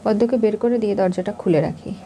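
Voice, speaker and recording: Woman storyteller, recap narration, dark warm voice, faint noise behind. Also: medium pitch, fast. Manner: plain, matter-of-fact retelling.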